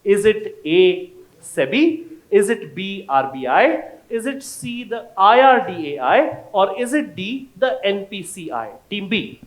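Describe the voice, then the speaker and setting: A man's voice: high voice, very animated, unhurried, echoey room, rough recording. A man hosting a live quiz in a college auditorium, chatty, playful and emphatic. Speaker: quizmaster.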